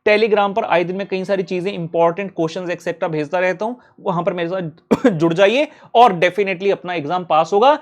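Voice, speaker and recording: A man's voice: high-pitched, a little fast. Blunt, urgent male exam coach. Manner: blunt and urgent, mixing Hindi with English. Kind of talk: motivational talk to students.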